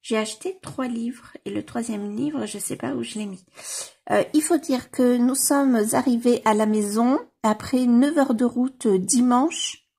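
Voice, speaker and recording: A woman's voice: on the high side, a little slow, vocal fry, warm tone, slightly rough. A French woman chatting casually about books on her vlog, hesitant with many fillers and restarts. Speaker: book vlogger.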